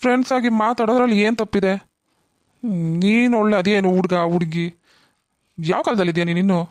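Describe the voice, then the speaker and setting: A playful young man from a cartoon, voiced by a performer teases and cajoles in a middle-pitched voice. The recording is dry and close. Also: steady tone, brisk, no echo, close to an everyday voice. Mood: teasing. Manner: teasing, cajoling. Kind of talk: cartoon voice acting.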